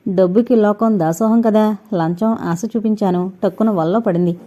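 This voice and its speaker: Give me a woman playing a determined young heiress, earnest and pleading, with a dark, warm tone. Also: medium pitch, normal speed, natural voice. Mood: calm.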